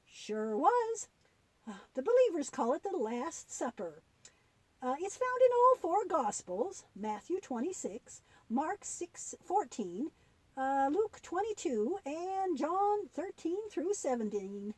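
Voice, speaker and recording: A woman voices a kindly old granny puppet, telling children a Bible story in a high, animated, full character voice. She's patient and gently instructive, pausing along the way. The recording is close and dry, with poor audio quality.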